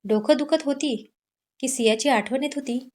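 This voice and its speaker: A woman's voice: sits high, moderate pace, darkish tone. A woman voicing a caring, teasing college-aged younger sister in an audio story. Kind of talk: Marathi audio story narration.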